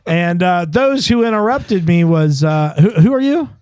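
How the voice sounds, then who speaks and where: A man's voice: high voice, animated, measured pace, a little mellow. A man hosting a podcast, chatting casually and laughing as he teases his co-hosts. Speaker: podcast host.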